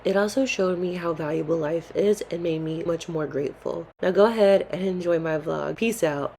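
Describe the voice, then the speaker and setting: A young adult woman vlogger telling a personal story in a calm, earnest way, with casual slang. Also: lowish voice, normal speed, gravelly, a little hiss or hum. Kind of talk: storytime narration.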